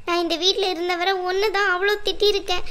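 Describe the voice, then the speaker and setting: A woman's voice: very high-pitched, flat delivery, fast talker, bright, forceful tone. A woman voicing a remorseful younger sister in a cartoon, pleading and apologetic. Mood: grateful. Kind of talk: cartoon voice acting.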